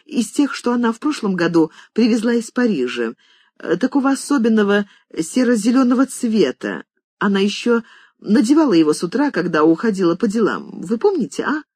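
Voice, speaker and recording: Voiced by the audiobook reader, a wealthy lady snaps at her maid in a high, agitated voice. Her pitch swings widely between flustered and shrill. The tone is slightly husky and dry. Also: sing-song, a little fast, darkish tone, dry recording. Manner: flustered, then shrill and indignant.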